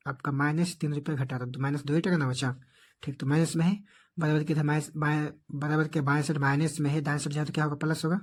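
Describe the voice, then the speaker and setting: A man's voice: fairly high pitch, darkish tone. A man teaching a board exam math lesson, explaining each step and checking in often with the class.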